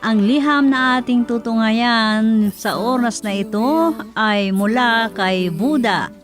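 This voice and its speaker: Slow-speaking woman radio drama host. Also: on the high side. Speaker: radio drama host reading a listener's letter. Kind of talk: slow dramatic scripted narration. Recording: music under the voice. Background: music.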